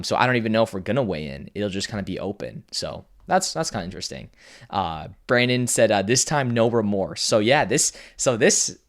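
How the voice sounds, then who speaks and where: A man in his twenties talking casually to the camera, excited and rambling, with lots of "like" and "you know". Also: on the low side. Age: 20s. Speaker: vlogger and wrestler.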